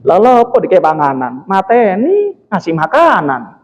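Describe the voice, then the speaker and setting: A man's voice: high voice, wildly swooping pitch, moderate pace. Man voicing an irritable older man, reverberant hall, muffled sound. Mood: grumbling. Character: devoted older man, quick to anger. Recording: dull, echoey mosque hall.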